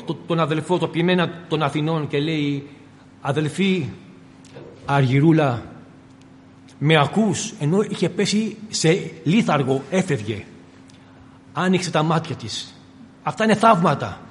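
A man preaching a sermon to his congregation, fervent, swinging between loud appeals and quiet storytelling. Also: on the high side, big-room sound, slight background noise.

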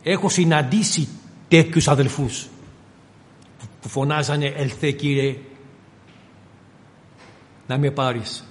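A man preaching a sermon to his congregation, fervent, swinging between loud appeals and quiet storytelling. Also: mid-range voice, long reverb tail.

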